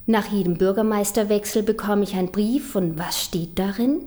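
A woman's voice: mid-range voice, moderate pace, mellow. A woman with a Danish accent performing rhyming slam poetry, ironic and mocking, slipping into whispers for secret lines. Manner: rhythmic rhyming delivery with ironic, mocking emphasis. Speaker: spoken-word poet.

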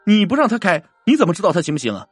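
A man voicing a normally gentle woman emergency doctor, speaking with urgent pleading. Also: fairly high pitch, sing-song, fast, husky, dry recording, faint music behind, voice pushed up.

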